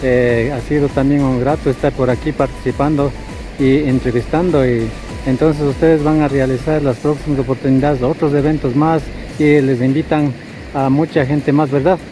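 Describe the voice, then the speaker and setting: Out in rural riverside hills, an Ecuadorian vlogger hosts a casual travel video over background music. He has a mid-range voice with fairly even intonation and a moderate pace, guiding viewers in an upbeat, welcoming way. The audio quality is poor.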